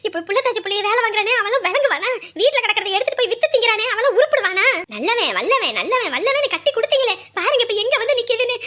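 A woman playing a fiery, outspoken middle-aged village mother who scolds fast and loud. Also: very high voice. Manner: loud scolding, rapid-fire outrage. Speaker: mother in a family drama. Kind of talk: web drama acting.

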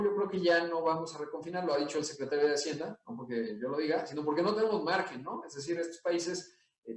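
A middle-aged man with a Mexican accent gives an analytical conference talk over a video call, full of fillers and asides. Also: fairly high pitch. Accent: Mexican Spanish. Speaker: conference speaker. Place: indoor room. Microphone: webcam on video call. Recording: echoey room, mic at a distance.

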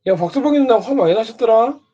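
A man's voice: very high-pitched, animated, fast, dark tone. A man taunting and scolding another streamer in a mocking monologue, prodding again and again with short questions. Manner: needling, keeps prodding with "eh?". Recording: dull lo-fi sound.

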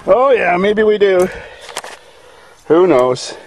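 A man's voice: high voice, slow, creaky, rough recording. A man hosting a hands-on car vlog, giving folksy, joking running commentary outdoors in a grassy farm field on a handheld camera mic. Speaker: car channel host. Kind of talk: casual hands-on vlog narration. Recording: camera audio with steady background noise.

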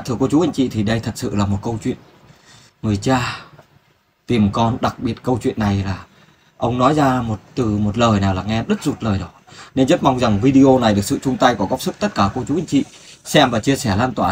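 A male interviewer with a mid-range voice speaks gently and compassionately. He asks questions and makes earnest appeals to viewers. Faint noise sits in the background. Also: mid-range voice. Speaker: interviewer for a volunteer search team.

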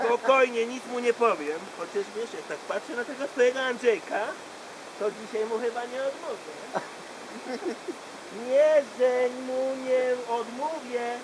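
A man's voice: very high-pitched, measured pace, background noise. A man playing a gossipy, crude woman on the phone in a live comic monologue, rambling with fillers and punning jokes. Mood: gossiping. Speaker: comedian. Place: bachelor party.

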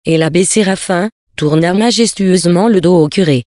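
A narrator giving a measured audiobook reading of a period tale. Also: mid-range voice, darkish tone, no echo, clean studio sound.

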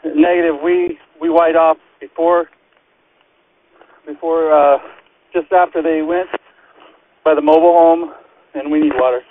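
A man's voice: on the high side, fairly even intonation, unhurried, long pauses. A man working as a firefighter, making brief fireground radio calls. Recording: tinny radio channel with static.

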